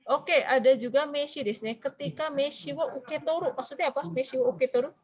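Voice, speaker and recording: A woman's voice: sits high, quick pace. A woman with an Indonesian accent teaching a business Japanese class, explaining in Indonesian and quizzing her students.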